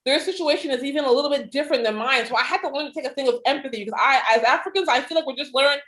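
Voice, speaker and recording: A woman's voice: sits high, rapid-fire, fairly bright tone, echoey room, poor audio. A woman in casual podcast chat, speaking candidly with many fillers and acted-out quotes. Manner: candid, filler-heavy, acts out quoted voices. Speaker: podcast co-host.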